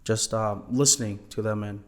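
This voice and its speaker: The guest is a young adult man from Thailand and a former college student who responds courteously to interview questions, peppering his answers with "yes sir" and "um." He has a low voice, fairly even intonation, and a normal speaking speed.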